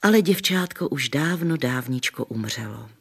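Guy reading an old granny telling folk stories, gravelly and husky. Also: medium pitch, animated, a bit bright, exaggerated voice. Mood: storytelling. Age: older. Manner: homely, patient storytelling with folksy sayings. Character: kindly old grandmother, gentle village storyteller.

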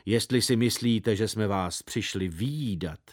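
A man's voice: fairly low pitch, natural voice. A man voicing an indignant middle-aged uncle who speaks in a stiff, pompous and offended way in a storybook reading.

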